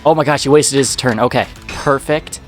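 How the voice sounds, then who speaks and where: A gaming channel host narrates his own let's play, his voice sitting at an ordinary middle pitch. He's chatty and reacts out loud to every turn, though he sounds a little sick, his voice slightly off. Quiet game music runs beneath him.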